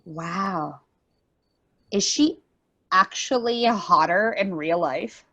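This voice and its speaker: Woman as a slow-paced skeptical older sister. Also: fairly low pitch, pushed and bright, dull audio, heavily acted. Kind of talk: amateur play reading.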